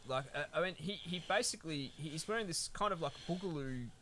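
A man's voice: on the high side, lively intonation, fairly quick, bright, forceful tone, a little hiss or hum. A man co-hosting a podcast, recapping a film in a rambling, sweary, laid-back way. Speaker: podcast co-host. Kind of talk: casual film-review chat.

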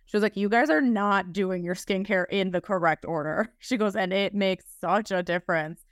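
A woman's voice: medium pitch, normal speed, no room sound, studio quality. A woman hosting a podcast in a casual, chatty way, with informal phrasing peppered with "like". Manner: informal, frequent "like" as filler. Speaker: podcast host.

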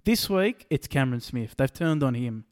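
A young Australian man co-hosting a sports podcast, ranting in heated, casual chat and mocking people with quick impressions. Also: mid-range voice, animated, darkish tone. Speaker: podcast co-host.

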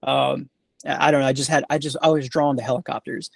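A retired Army sergeant, a man, being interviewed, telling stories in a relaxed, rambling way full of fillers and restarts. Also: medium pitch, quick pace, gravelly, dry recording. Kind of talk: casual storytelling interview.

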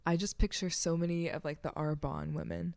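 A woman's voice: fairly low pitch, little pitch movement, brisk, gravelly, darkish tone, no echo. A woman guest in a casual podcast chat, talking in a rambling way full of fillers and frequent laughs.

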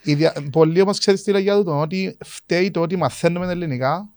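A man's voice: high voice, a little mellow, clear, resonant tone, no room sound, studio quality. A man with a Cypriot Greek accent interviewing casually, questioning things and dropping in English words. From Cyprus.

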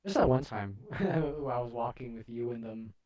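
A man's voice: medium pitch, normal speed, dull audio, a loud crowd. A young man in casual podcast chat, joking and laughing often. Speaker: podcast co-host.

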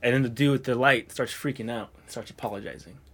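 A man's voice: mid-range voice, fast talker, a bit bright. A young man on a casual podcast, telling a spooky story in a laid-back, profane way. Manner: laid-back, profane, drifts into quoted voices. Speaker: podcast guest.

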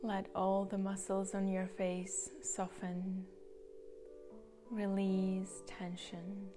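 A woman guiding a grounding meditation, talking softly and slowly, with some words breathed out in a whisper. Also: medium pitch, monotone, over music. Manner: slow, soft, partly whispered guidance. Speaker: meditation guide. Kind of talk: guided meditation.

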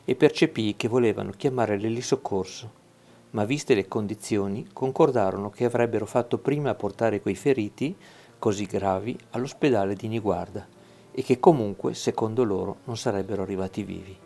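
Soft-spoken man, mellow low voice. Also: normal speed, vocal fry. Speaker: audiobook narrator. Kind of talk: scripted narration of a fantasy story.

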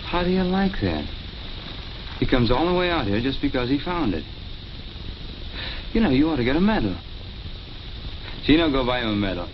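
An actor playing a sarcastic, mocking gangster boss in 1940s film noir style, with a sneering manner. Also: male voice, mid-range voice, sing-song, normal speed, pauses often, close to an everyday voice. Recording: muffled hissy 1940s film soundtrack.

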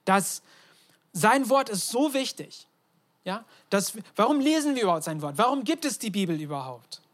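A woman gives a sermon in a relaxed, talking-to-you manner. She tells the story with energy and checks in with her listeners as she goes. Her voice sits at an ordinary middle pitch. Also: normal speed. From abroad, moved to Germany. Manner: lively storytelling, asks rhetorical questions, tag "ne?". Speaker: preacher. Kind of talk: conversational sermon.

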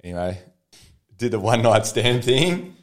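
A man's voice: medium pitch, lively intonation, a little slow. An Australian man in his thirties, a podcast guest speaking openly and telling stories in casual conversation, laughing easily. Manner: open, storytelling, laughs easily.

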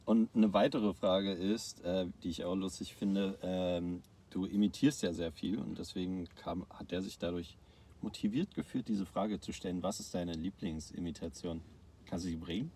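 A man hosting a podcast, casually reading out listener questions in relaxed slang. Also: sits low, normal speed, husky. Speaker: podcast host. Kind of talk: casual interview chat.

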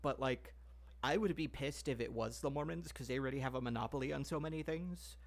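A man's voice: medium pitch, brisk, gravelly. A man hosting a podcast in casual chat. He rambles with many fillers and restarts while asking his guest questions. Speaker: podcast host.

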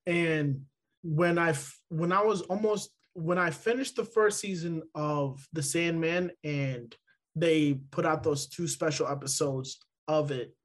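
Speaking at a measured pace in a higher-than-average voice, this male co-host keeps the podcast conversation casual. He rambles, leaning on fillers and frequently restarting what he says.

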